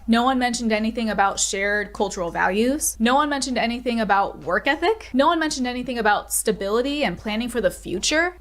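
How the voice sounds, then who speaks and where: A woman talking straight to camera on her channel, blunt and opinionated. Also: fairly high pitch. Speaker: YouTuber. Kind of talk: vlog commentary.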